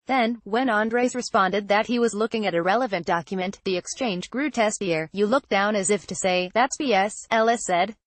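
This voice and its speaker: A woman reads a news roundup aloud in an even, steady scripted delivery. Her voice sits at a mid pitch for a woman. The recording is dry and close, with no room sound. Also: normal speed, few pauses, no echo. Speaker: news narrator.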